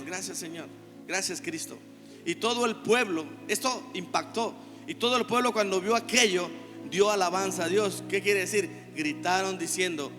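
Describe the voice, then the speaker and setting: A man with a Mexican Spanish accent preaching a sermon as pastor, breaking into shouts and calling on the congregation to repeat after him. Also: high-pitched. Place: church hall. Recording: reverberant church hall with music underneath.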